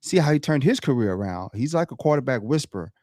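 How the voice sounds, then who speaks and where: Man, podcast co-host, lively casual sports talk, mid-pitched voice, dry close sound. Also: fast talker, no room sound. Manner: animated, laughs often, loud shouted impressions of the crowd.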